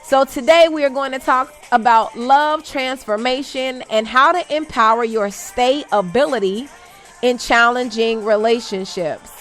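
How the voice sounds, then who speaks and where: A woman hosts an inspirational talk radio show in a slightly high voice. She talks in an upbeat, teasing way and catches her own slips. Faint music plays underneath. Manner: stumbles and corrects herself.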